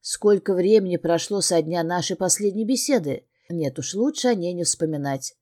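A woman narrating a first-person fantasy audiobook in an expressive, emotionally engaged way. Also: on the low side, moderate pace.

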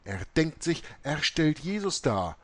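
A man's voice: fairly high pitch, big pitch swings, unhurried, fairly bright tone, pitched above the performer's own voice, heavily acted. A man reading aloud voices an earnest young seminarian speaking anxiously to his superiors. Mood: bitter. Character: young male priest-student, anxious then doubting.

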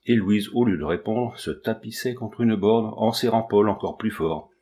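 Low-voiced man reading a children's tale. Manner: measured, expressive reading that addresses the listener. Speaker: audiobook reader. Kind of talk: scripted storybook narration.

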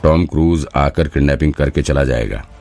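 A sharp, confident detective, as a man reads him in an audiobook presses a suspect with firm, probing questions. The voice is very deep and dark in tone. Faint music plays behind him. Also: normal speed, creaky. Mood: explaining.

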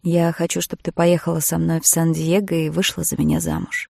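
A female audiobook narrator voices an earnest young marine tenderly pleading with the woman he loves, his lines warm and slightly gravelly. The delivery is low, level, brisk and heavily acted, recorded close and dry with no room sound.

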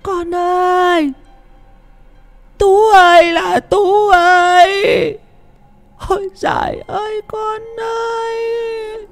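A man voicing a grieving old village woman who wails for her son in slow, drawn-out cries. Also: extremely high pitch, steady tone, faint music behind, pitched above the performer's own voice, heavily acted. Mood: wailing.

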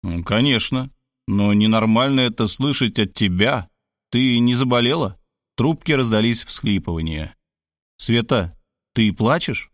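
A man's voice: medium pitch, lively intonation, moderate pace, no echo, clean studio sound. A middle-aged man narrating a first-person audiobook in a wry, self-ironic voice.

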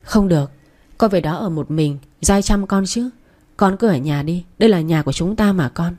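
A loving middle-aged mother, voiced by a woman narrator, speaks gently and with quiet firmness. Her voice sits low and sounds mellow and warm. The delivery stays soft and soothing. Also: moderate pace, close to an everyday voice. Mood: firm.

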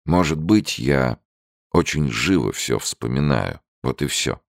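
A man's voice: a bass voice, animated, slow pace, gravelly, dry recording, studio quality, full character voice. A man voicing a frightened young American deserter in an audiobook, in a subdued tone.

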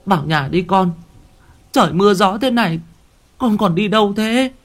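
A man's voice: lively intonation, moderate pace, faint music behind. A man voicing a frightened older mother who stammers and wails about a nightmare. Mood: frightened wailing. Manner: shrill, stammering, wailing.

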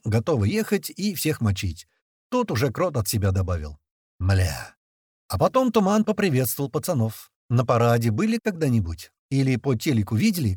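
A man tells a first-person audiobook story in coarse, slangy language, with his voice swinging up and down in a lively way. His voice is husky, and it is recorded dry and close to the mic. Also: medium pitch, no echo. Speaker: audiobook narrator.

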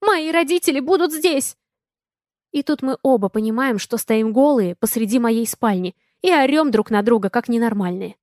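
A young woman narrating a romance novel in the first person with a lively, expressive reading. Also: a little high, normal speed, few pauses, no echo, clean studio sound. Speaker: audiobook narrator.

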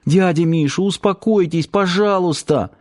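A man voicing a frightened young woman who pleads in a high, urgent voice. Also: moderate pace, darkish tone, close to an everyday voice. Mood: pleading.

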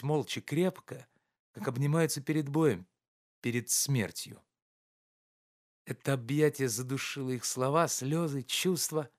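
A man reading a classic novel aloud in a measured, expressive narration. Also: medium pitch. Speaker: audiobook reader. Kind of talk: literary audiobook narration.

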